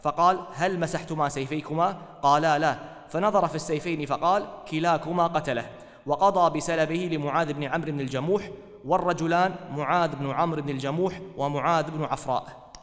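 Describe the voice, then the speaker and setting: A man reading religious texts aloud in a steady, formal way. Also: a little high, brisk. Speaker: reader of hadith texts. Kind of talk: formal text recitation. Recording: hall with long reverb.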